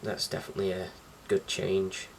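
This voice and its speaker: This young vlogger's low voice is completely flat with vocal fry, moving at a normal pace as he chats informally and a little haltingly to camera, wandering off topic. Faint background noise comes through a distant mic.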